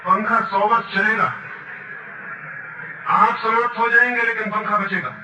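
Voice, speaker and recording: A man voicing a sly, smooth-talking street peddler who sells fans. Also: high-pitched, fairly even intonation, measured pace, highs cut off, background noise, pitched above the performer's own voice. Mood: glib. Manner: glib and unflustered. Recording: echoey, distant, with faint music.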